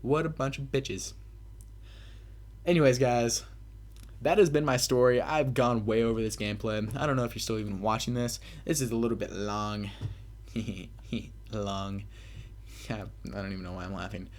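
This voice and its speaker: A young adult gaming commentator with a mid-pitched, somewhat dark voice keeps a steady tone and moderate pace, pausing often. He rambles through a casual story as if addressing viewers, cursing freely with crude, self-mocking swagger.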